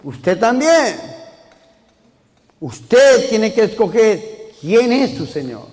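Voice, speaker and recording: High-voiced preacher in an echoing hall. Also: male voice, big pitch swings, very slow. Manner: calls the congregation to repeat and answer, building to shouts. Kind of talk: preaching a sermon. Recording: long echoing reverb of a big hall.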